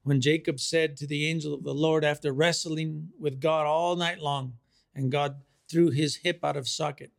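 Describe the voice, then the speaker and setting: A male preacher delivers a sermon at a measured, deliberate pace. His voice sits a little high and carries a gravelly rasp. He stresses key phrases by repeating them. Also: flat delivery.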